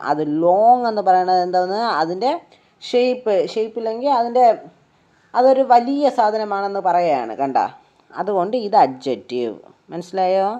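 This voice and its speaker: A woman's voice: medium pitch, lively intonation, dark tone. A woman teaching English grammar, explaining step by step and often asking if the listener has understood. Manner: checks understanding with frequent rhetorical questions; slow, patient step-by-step explaining. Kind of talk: grammar lesson explained in Malayalam. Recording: dull lo-fi recording.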